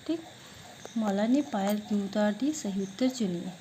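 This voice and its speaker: A woman teacher giving an online class lesson, who asks questions and answers them herself, drilling words slowly syllable by syllable. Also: medium pitch, mellow, a little hiss or hum, rough recording.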